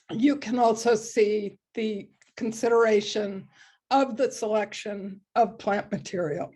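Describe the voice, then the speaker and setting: A woman giving a presentation on a park's design, hoarse and coughing, speaking deliberately with frequent pauses. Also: mid-range voice, mellow. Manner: slow and deliberate, with many ums. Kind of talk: online presentation.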